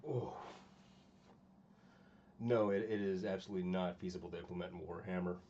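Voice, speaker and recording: A man's voice: low voice, steady tone, brisk, warm tone, muffled recording, slight background noise. A man with the hiccups, rambling casually to his chat while painting miniatures. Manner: rambling, distracted, talking to stream chat. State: has the hiccups. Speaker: channel host.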